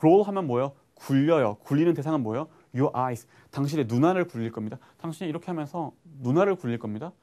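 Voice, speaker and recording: A Korean man teaching an English lesson, asking himself questions and answering them, and reading English phrases slowly before translating them. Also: on the high side. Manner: lively explaining, asks and answers his own questions.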